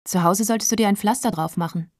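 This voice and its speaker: A woman's voice: mid-range voice, fast talker, darkish tone, dry recording, clean studio sound, natural voice. A woman voicing a cheerful, teasing fifteen-year-old boy in a read-aloud story. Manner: bouncy, teasing.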